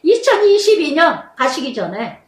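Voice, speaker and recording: A middle-aged woman pastor preaching a sermon with personal testimony, storytelling animatedly and slowing down to stress repeated phrases. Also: high-pitched, sing-song. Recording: echoey room, mic at a distance.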